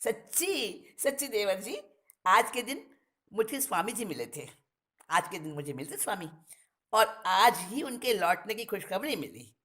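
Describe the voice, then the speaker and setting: A woman's voice: medium pitch, big pitch swings, measured pace, bright, forceful tone. A woman voicing a loving, motherly sister-in-law with a fond, coaxing manner.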